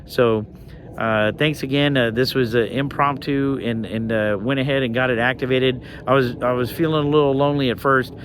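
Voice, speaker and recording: A man's voice: mid-range voice, fairly even intonation, moderate pace. Rambling man vlogging outdoors, faint background noise. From Colorado. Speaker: amateur radio operator, video host. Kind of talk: casual outdoor vlog talk. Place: outdoors in a state park. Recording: outdoor ambient and vehicle noise.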